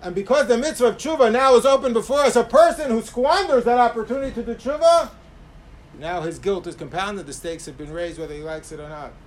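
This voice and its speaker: A man speaking as a rabbi giving a sermon, with emphatic delivery that swings between raised stress and softer asides. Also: very high-pitched, animated, a little fast. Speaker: rabbi giving a religious talk. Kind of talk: sermon, Torah lecture with Hebrew quotations. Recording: clear background noise.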